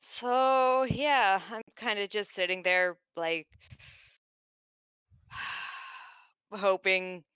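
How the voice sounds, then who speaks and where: A woman's voice: mid-range voice, steady tone, very slow, long pauses, a bit bright, clear, resonant tone, no echo, low-quality recording. A woman player in a tabletop role-play game, talking in a wry, tired way with frequent sighs.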